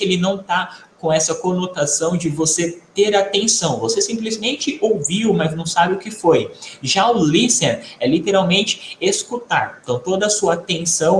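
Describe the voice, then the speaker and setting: A man's voice: on the high side, a little hiss or hum. A man teaching English vocabulary in a patient, explanatory video lesson, often checking in with his students. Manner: patient, explanatory, tags phrases with "tá?". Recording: echoey room.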